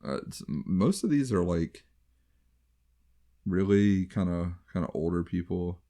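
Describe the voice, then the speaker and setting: A man's voice: low voice, expressive, measured pace, dark tone. A man with a light Southern US accent co-hosting a casual chat show, rambling and trailing off as he restarts his sentences. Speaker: podcast co-host.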